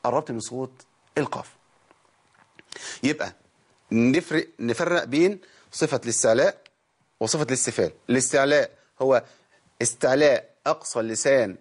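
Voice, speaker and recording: Tired, husky Egyptian man teaching recitation. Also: medium pitch, fairly quick, pauses often. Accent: Egyptian Arabic. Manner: explains step by step, demonstrates sounds, asks viewers questions. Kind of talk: televised tajweed lesson.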